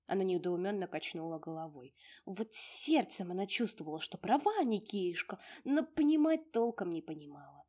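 A woman narrating a fairy-tale novel in an expressive, lilting way. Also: fairly low pitch, moderate pace. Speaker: audiobook narrator. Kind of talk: storybook narration.

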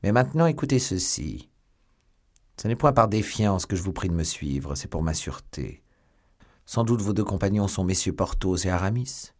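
Guy doing a cold old cardinal, low hushed voice, slow and careful. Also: big pitch swings, full character voice. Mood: cool, guarded. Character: cold powerful old male cardinal, guarded.

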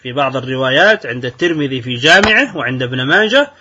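A man, an Islamic scholar, giving a recorded religious lesson, reading texts slowly and then explaining them word by word. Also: mid-range voice, animated, sharp tone, slightly rough. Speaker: Islamic scholar teaching a hadith text. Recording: dull lo-fi recording.

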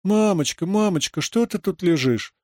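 A man's voice: high voice, lively intonation, normal speed, darkish tone, no room sound, clean studio sound, pitched above the performer's own voice. A man doing a whiny tearful little girl. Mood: wailing. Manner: whiny, sobbing pleas.

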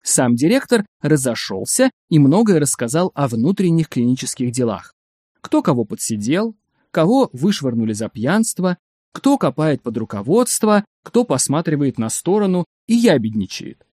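A man reads a story aloud with a wry, expressive delivery. His voice is a touch high and swings animatedly in pitch. The recording is dry, with no room around it. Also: moderate pace, no echo. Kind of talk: scripted story narration.

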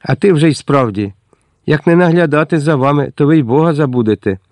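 A man voicing a harsh, scolding middle-aged landlady in a storybook reading, shrill and quick to insult. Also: a little mellow, dry recording, studio quality, close to an everyday voice. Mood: stern.

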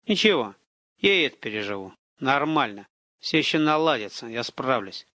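A man's voice: medium pitch, animated, normal speed, sharp tone, no room sound. A man narrating an audiobook in the first person, in a tense, brooding way.

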